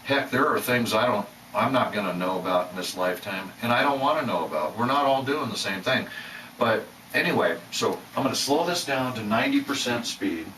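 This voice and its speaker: A man's voice: mid-range voice, animated, brisk, sharp tone, reverberant, far from the mic, slight background noise, low-quality recording. A man hosting his own channel, talking in a rambling, self-doubting way with many restarts. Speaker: channel host. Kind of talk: rambling casual monologue.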